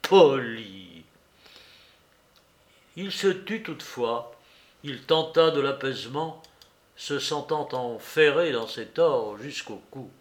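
A man reading a literary novel aloud as an audiobook narrator, measured and expressive. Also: mid-range voice. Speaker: audiobook reader.

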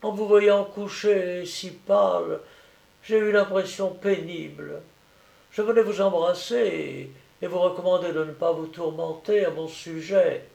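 A man reading a gentle young pregnant woman's lines in an audiobook, speaking softly and soothingly. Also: high-pitched, fairly even intonation, a little slow, vocal fry, roomy sound, pitched above the performer's own voice. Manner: soft, soothing, comforting.

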